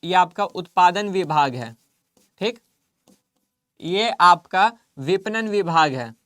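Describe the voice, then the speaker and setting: With a high, slightly bright voice and lively intonation, a man teaching commerce lectures slowly and casually to his class. Mixing English terms into his Hindi, he coaxes and repeats, supplying his students' questions and then answering them. The recording is dry.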